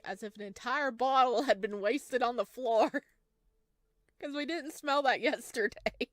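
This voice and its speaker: During a visual novel playthrough, a woman with a slightly high, fairly bright voice reads the narration aloud and adds her own chatty, giggly asides. Game music runs behind her, and the recording has no echo.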